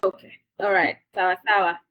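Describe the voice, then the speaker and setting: Wrapping up an online masterclass, this session moderator is a Kenyan-accented woman who sounds enthusiastic and leans heavily on fillers and repeated words. She speaks fairly quickly at a medium pitch with a level tone, on a muffled recording.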